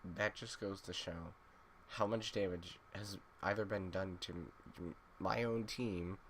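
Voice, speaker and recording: A drowsy man with a deep, low voice talks through a game in an unhurried, slow drawl. His commentary is wry and casual, full of mumbled asides, and he sounds sleepy, as if he has just woken up. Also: fairly even intonation, a bit bright, slight background noise. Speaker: gaming YouTuber.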